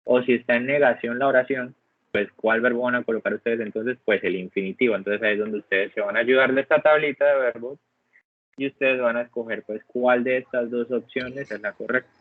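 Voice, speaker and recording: A man's voice: mid-range voice, steady tone, brisk, no echo. A man teaching an English grammar lesson online, patiently explaining step by step and often checking in with the class. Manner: patient, keeps asking "¿listo?". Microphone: video call. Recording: dry, phone-like online call audio.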